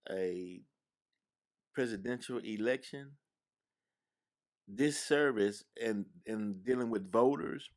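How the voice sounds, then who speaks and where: A man hosting a radio interview, speaking haltingly with repeated words and restarts. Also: on the low side. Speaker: radio show host. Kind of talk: conversational interview.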